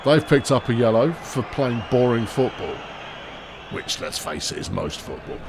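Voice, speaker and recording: A man's voice: medium pitch, sing-song, normal speed, gravelly, noisy background. A man commentating casually on a football management game, with a dry, sarcastic, chatty manner. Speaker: gaming commentator.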